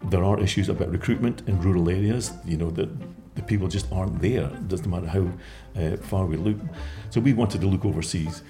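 A man's voice: deep voice, brisk, hardly any pauses, warm tone, soft background music. A man from Scotland who runs a care home, answering interview questions in a reflective way, often repeating words as he thinks.

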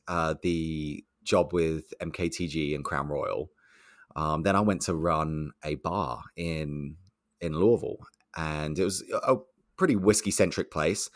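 A man's voice: sits low, no room sound, studio quality. A young man telling a story in conversation, acting out the other voices in it. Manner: animated storyteller, acts out quoted voices.

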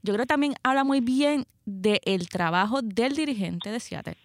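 Higher-pitched Puerto Rican woman, dry sound. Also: normal speed, no room sound. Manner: emphatic, repeats phrases. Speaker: sports podcast host. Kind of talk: casual sports chat.

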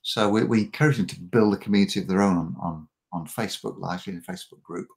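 Low gravelly man, halting chat. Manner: frequent repeated words and restarts. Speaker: podcast guest, marketing coach. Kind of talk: casual interview chat.

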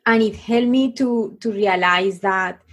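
Speaking at a medium pitch, a middle-aged Colombian woman shares her life story on a podcast as a guest. Her delivery is earnest and hesitant, full of restarts.

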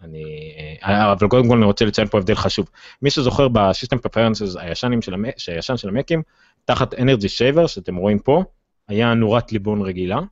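A man with an Israeli accent hosting a casual tech discussion, speaking haltingly with many filled pauses. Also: lowish voice. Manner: hesitant, halting delivery with frequent filled pauses. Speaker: tech podcast host. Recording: dull, roomy, lo-fi sound.

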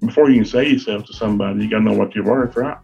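A man's voice: fairly low pitch, very fast, vocal fry, mellow, muffled recording, soft background music. A middle-aged man from Virginia, telling folksy, self-deprecating stories as a podcast co-host. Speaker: guest co-host, sales rep. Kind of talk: casual podcast chat.

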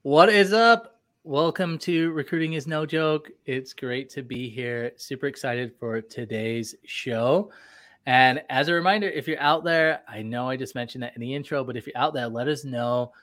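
A man's voice: mid-range voice, normal speed, fairly bright tone, dry recording. A man hosting a live recruiting podcast, upbeat and promotional, a bit nasal from a cold. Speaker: podcast host. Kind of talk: live show chat.

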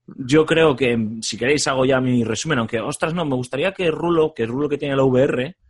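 A man's voice: mid-range voice, fairly quick, husky. A man with a Castilian Spanish accent giving a casual game review on a podcast, conversational and full of tag questions.

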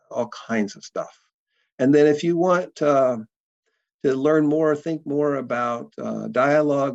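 Man, interview guest, gravelly voice, halting delivery, dull lo-fi recording. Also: mid-range voice, darkish tone. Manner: thoughtful, halting with many fillers. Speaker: interview guest, documentary producer. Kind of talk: conversational interview.

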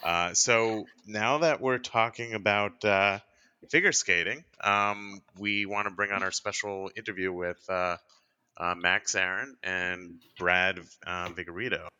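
A man's voice: low voice, fairly even intonation, unhurried, bright, forceful tone, smooth, dry recording, highs cut off. A man hosting a casual skating talk show, speaking with many fillers and restarts. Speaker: podcast host. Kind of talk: casual chat.

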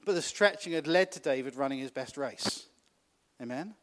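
A man's voice: mid-range voice, moderate pace, fairly bright tone. A man preaching a conversational sermon, often laughing and asking the congregation questions.

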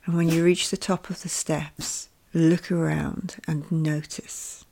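A woman leading a guided meditation with calm, gentle instructions, her soft voice often drifting into a whisper. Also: sits low, slow pace, creaky, a little hiss or hum.

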